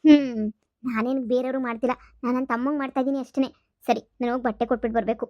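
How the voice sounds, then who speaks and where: A woman's voice: on the high side, fairly even intonation, quick pace, no echo, lo-fi sound, lightly acted. Woman voicing a secretive kind young woman. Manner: hushed, urgent, scolding the friend. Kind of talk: cartoon voice acting.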